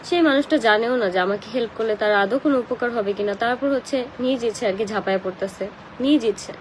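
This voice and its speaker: A young Bangladeshi woman talks in a high, tearful voice, emotional and crying as she speaks. She chats casually to a live audience, answering comments as she goes. There is some noise behind her on the live stream. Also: quick pace, rough recording. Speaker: live streamer who does paid promotions.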